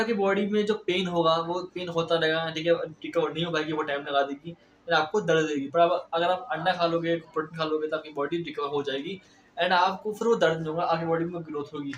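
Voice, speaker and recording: A young man giving casual motivational advice in a vlog, talking fast and stressed, mixing in English phrases. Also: on the high side, steady tone, fairly bright tone, a little hiss or hum. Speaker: self-improvement vlogger. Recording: roomy echo.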